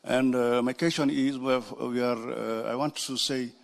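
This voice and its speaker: Halting man from Mali. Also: medium pitch, fairly even intonation, creaky. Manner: slow, halting, many fillers. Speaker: audience member. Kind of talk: question from the floor. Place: conference hall.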